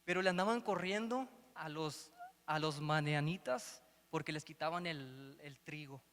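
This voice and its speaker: A man's voice: on the high side, unhurried, a bit bright. A man preaching a sermon, telling a Bible story and acting out its dialogue. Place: church hall. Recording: long hall reverb.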